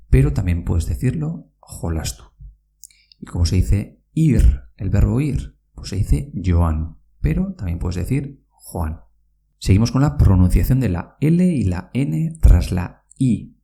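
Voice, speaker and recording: A man teaching a podcast pronunciation lesson, speaking slowly and carefully, spelling words out letter by letter and repeating them. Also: lowish voice, vocal fry, mellow. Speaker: Basque language teacher.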